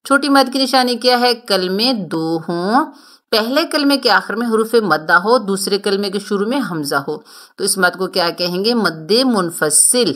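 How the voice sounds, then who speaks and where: A woman teaches Quran recitation, alternating between Urdu explanation and slow, carefully stretched Arabic recitation. She repeats each word several times to show correct pronunciation. Her voice is bright and forward, at an ordinary pitch. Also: expressive. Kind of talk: tajweed lesson explaining and reciting verses.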